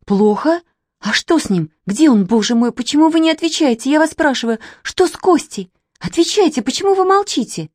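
A woman's voice: a little high, huge pitch swings, measured pace, long pauses, husky, dry recording, clean studio sound, pitched above the performer's own voice, exaggerated voice. A woman doing a frantic young woman. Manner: anxious, demanding questions.

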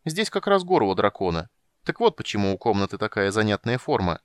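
A man reading an audiobook, voicing a small, curious, excitable male kender adventurer with eager, breathless wonder. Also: lowish voice, a little fast, smooth, no room sound, clean studio sound. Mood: excited.

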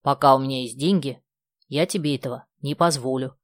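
A woman reads a self-assured teenage boy in an audiobook, argumentative and sure of himself. Her voice stays low and close to her own, with a dry, close sound. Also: a little fast, dry recording. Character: confident, opinionated teenage boy.

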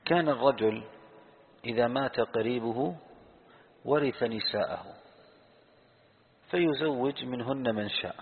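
In a reverberant hall, with tinny, phone-like sound, a man gives a Quran commentary lesson in a mid-range voice with vocal fry. He quizzes the audience, supplies the answers himself, and repeats key words slowly.

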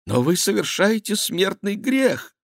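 A man voicing a frightened, pleading king who protests in a raised, shrill voice in an audiobook reading. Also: very animated, unhurried, vocal fry, no echo, clean studio sound, exaggerated voice. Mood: alarmed.

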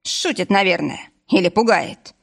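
A woman's voice: medium pitch, lively intonation, normal speed, vocal fry. A woman reading an audiobook voices a drunk middle-aged man, a candy-factory director who hiccups and talks with slurred familiarity. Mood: tipsy.

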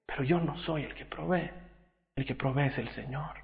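A man in his thirties preaching a sermon as pastor, swinging between loud emphatic lines and quiet low ones. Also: normal speed, creaky. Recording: tinny lo-fi sound with long hall reverb.

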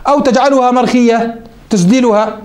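A man's voice: very high-pitched, fairly even intonation, a little fast, darkish tone. A man teaching a class on Islamic jurisprudence. He explains each step and asks his students questions, then answers them himself. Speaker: sheikh teaching Hanbali jurisprudence. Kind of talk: classroom lesson on a legal text.

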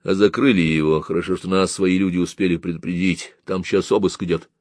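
A man voicing a bearded, plain-spoken craft teacher in a storybook reading, calm and homely. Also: low voice, fast talker, no echo, studio quality, close to an everyday voice. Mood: rueful.

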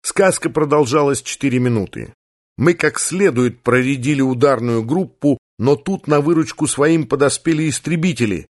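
A man reading a novel aloud in the first person with measured, even delivery. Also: mid-range voice, no echo, clean studio sound. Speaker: audiobook narrator. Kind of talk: scripted first-person narration.

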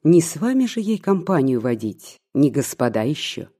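Reader doing a gossipy old maid, mocking and nosy, husky voice. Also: mid-range voice, very animated, moderate pace, mellow. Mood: indignant. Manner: mocking, scolding, prying. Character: spiteful gossiping old maid, sharp-tongued.

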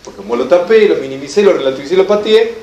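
Rioplatense male teacher, higher voice, very animated delivery, acts out examples, echoey lecture room. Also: very fast, a little hiss or hum. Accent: Rioplatense Spanish. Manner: animated storyteller, acts out quoted voices with laughter. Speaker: enneagram teacher. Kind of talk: lively classroom lecture.

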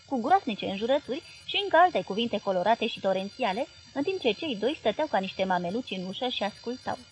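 A woman reads a novel aloud at a measured pace, her voice sitting fairly high. Her narration is clear and unhurried. Soft music plays faintly underneath. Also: expressive. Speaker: audiobook narrator. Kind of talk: literary audiobook reading.

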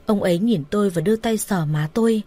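A woman narrating a dramatic story in a steady, even voice. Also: mid-range voice, fast.

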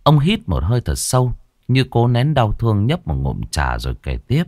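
A man narrating a ghost story in a slow, suspenseful and expressive way. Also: mid-range voice, no room sound, clean studio sound.

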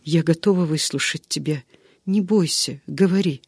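A man's voice: fairly high pitch, moderate pace, a little mellow, husky, no room sound, studio quality. A man reading a frightened young lady. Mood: anxious. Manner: pleading, faltering. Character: anxious young noblewoman, gentle and fearful.

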